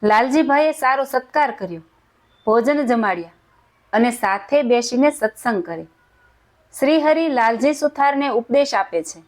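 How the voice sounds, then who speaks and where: Woman narrator, high voice, slow even telling of a devotional tale. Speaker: storyteller. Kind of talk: scripted devotional story narration.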